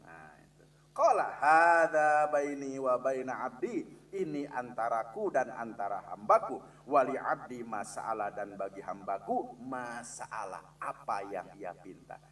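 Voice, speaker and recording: With an expressive, medium-pitched voice recorded from afar, a Sundanese-accented man teaches religion in a mosque. He mixes Sundanese into Indonesian and questions his listeners along the way. To give examples, he chants Quranic verses slowly and loudly.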